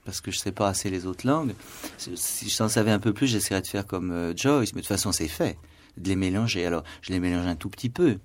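A male writer giving a radio interview, hesitant, full of fillers and stammered restarts, sometimes dropping to soft asides. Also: low voice, a little fast. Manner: trails off to soft, near-whispered asides. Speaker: writer and translator being interviewed. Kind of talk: radio interview, musing and literary. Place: radio studio.

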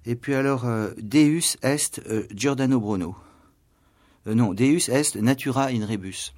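A male writer giving a radio interview, hesitant, full of fillers and stammered restarts, sometimes dropping to soft asides. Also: mid-range voice, unhurried. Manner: trails off to soft, near-whispered asides. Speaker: writer and translator being interviewed. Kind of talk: radio interview, musing and literary. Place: radio studio.

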